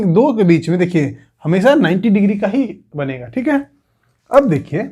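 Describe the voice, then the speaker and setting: At the whiteboard, this exam coaching teacher speaks in a high-pitched, warm voice with a breathy edge. "Theek hai" comes up again and again as he throws rhetorical questions at the class.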